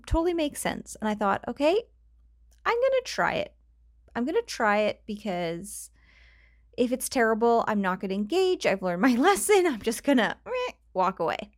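A Canadian-accented woman hosts her own solo podcast, chatting casually, rambling on tangents and laughing often, on a cheap home microphone. Her voice is on the high side and very animated at a moderate pace, and the recording is dry with clean studio sound.

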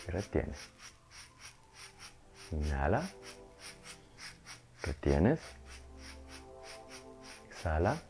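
A man leading a guided breathing meditation, slowly counting breaths and giving short, spaced cues. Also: low voice, creaky, darkish tone. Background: music.

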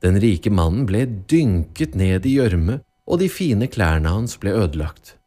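Low-voiced guy reading a kids story, really lively sing-song delivery. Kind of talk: scripted storybook narration.

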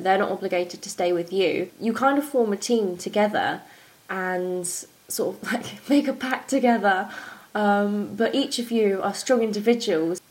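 A woman's voice: medium pitch, rough recording. A young woman presenting a podcast like an upbeat morning show host, chatty and informal as she explains things. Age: young adult.

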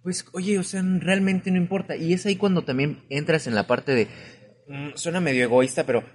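A young man with a Mexican accent, co-hosting a casual podcast and bantering in a relaxed, joking way. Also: on the high side, brisk. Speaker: podcast co-host.

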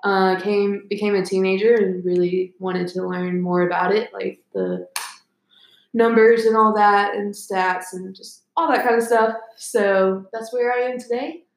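A woman's voice: medium pitch, fairly even intonation, measured pace, roomy sound, low-quality recording. A woman in her twenties, a guest on a casual podcast, talking at length with lots of fillers and likes. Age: 20s. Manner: chatty, rambling with fillers.

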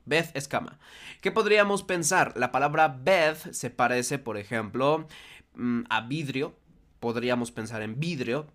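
A man's voice: medium pitch, pushed and bright. Friendly man teaching a memory trick. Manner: conversational, asks rhetorical questions often. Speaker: language teacher. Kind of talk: casual explanatory lesson.

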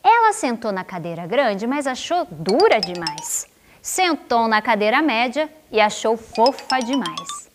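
A woman with a high, bouncy voice tells a children's tale slowly and expressively, stretching her words and leaning into playful asides to the listeners. Faint music plays softly underneath. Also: big pitch swings. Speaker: children's storyteller. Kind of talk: storytelling for children.

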